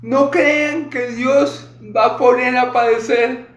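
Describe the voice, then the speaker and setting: A man preaching a sermon on a Bible passage in an emphatic style, asking rhetorical questions and clearing his throat often. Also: very high-pitched, steady tone, slow pace, echoey room.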